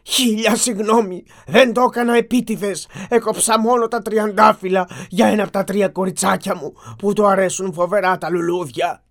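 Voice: medium pitch, steady tone, few pauses, pitched above the performer's own voice, close to an everyday voice. A storyteller voicing a frightened merchant father who pleads tearfully for mercy in a fairy tale. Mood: pleading. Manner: tearful, begging.

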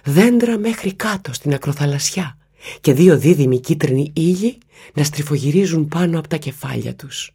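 A man narrating an audiobook in a measured, even storytelling manner. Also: on the high side, slightly rough.

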